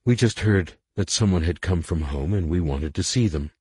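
A man voicing an anxious mother caught between fear and composure, speaking in a measured, restrained way. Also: low-pitched, dark tone, slightly rough, dry recording, studio quality. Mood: torn. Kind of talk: audiobook character voice.

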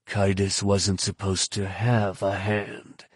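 A man voicing a curt, hardened male bounty hunter in an audiobook, husky and clipped. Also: low-pitched, completely flat delivery, slow, no echo, studio quality, exaggerated voice. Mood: grim. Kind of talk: audiobook narration.

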